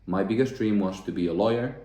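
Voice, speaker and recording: Guy talking to camera, low voice, kinda thinking out loud, echoey room. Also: quick pace. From Finland. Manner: earnest, thinking aloud with frequent restarts. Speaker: self-development vlogger. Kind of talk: reflective monologue to camera.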